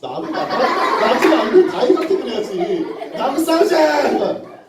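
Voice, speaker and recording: A man's voice: very high-pitched, normal speed, far from the mic, over a noisy crowd, very noisy. A man teaching Sunday school, telling a Bible story playfully and directing children who act it out. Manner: playful, animated, directs children on stage, laughs often. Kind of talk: children's sermon with acted story. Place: church room with children. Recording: echoey room, mic from afar, children behind.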